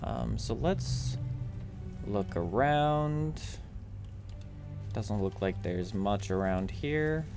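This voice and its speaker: A man hosting a let's play, chatting in a self-mocking way and laughing often as he plays. His voice is somewhat low, with faint game music behind him. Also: expressive, drawn-out words, vocal fry, long pauses. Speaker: gaming channel host.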